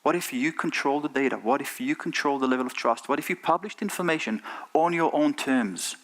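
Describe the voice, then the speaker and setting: A middle-aged conference speaker from Israel, with an Israeli accent, gives an earnest keynote on stage, tossing rhetorical questions at the audience. His voice is fairly high-pitched, brisk, and a bit bright.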